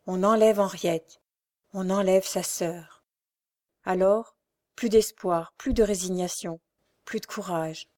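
A woman narrating an audiobook in a measured, dramatic way. She reads a novel aloud steadily, bringing out the drama of each scene. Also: mid-range voice, dark tone. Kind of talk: scripted narration.

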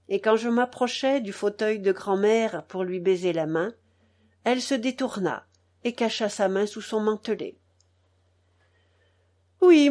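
Slow, measured woman narrating a novel. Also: fairly high pitch. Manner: slow, measured, expressive reading. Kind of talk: audiobook narration.

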